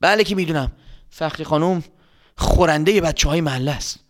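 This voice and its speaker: A man's voice: a little high, lightly acted. A man voicing a frightened young neighborhood boy who rambles breathlessly in a panic. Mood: insistent.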